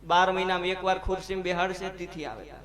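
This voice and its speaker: A man's voice: sits high, steady tone, a bit bright. A man, giving a devotional sermon and telling a story, acting out its dialogue in a folksy, emphatic way. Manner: folksy, narrates with quoted dialogue, slow emphatic lines. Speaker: katha storyteller. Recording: live gathering with audience audible behind.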